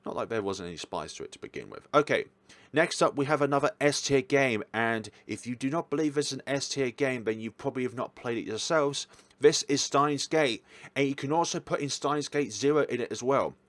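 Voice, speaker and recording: A man with a mid-range voice ranks games as the host of a visual novel review, sounding animated and brisk. He rambles, corrects himself, and comes across enthusiastic yet hesitant, with no echo on the recording.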